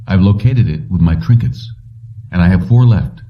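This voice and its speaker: Reading audiobook character dialogue, a deep-voiced man plays a calculating, determined fugitive who presses his case and justifies himself. He speaks at a moderate pace and acts lightly, and the distant mic gives the audio a dull quality.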